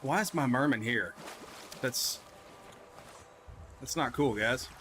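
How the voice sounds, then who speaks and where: A man's voice: mid-range voice, takes it slowly, fairly bright tone, slight background noise. A man streaming a game live, talking casually with viewers, rambling and often restarting his sentences, with hiccups. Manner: rambling, self-correcting, chatty with viewers.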